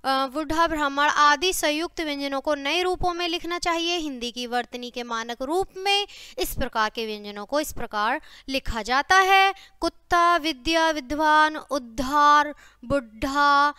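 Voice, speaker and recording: A woman's voice: sits high, moderate pace, bright, forceful tone, dry recording, clean studio sound. A woman teacher giving a grammar lesson, reading out words twice each and often checking in with the students. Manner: repeats each word twice, says "ठीक है बच्चा" often.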